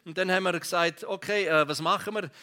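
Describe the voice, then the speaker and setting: Give me a Swiss German pastor, a man with a fairly high, bright voice, preaching lively and telling stories. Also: fast talker. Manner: lively preaching, swings from loud to hushed. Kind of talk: sermon with storytelling.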